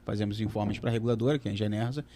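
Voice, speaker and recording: A man representing a water utility, answering audience questions on a panel in a halting way, with many fillers and restarts. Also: on the low side, fairly even intonation, warm tone.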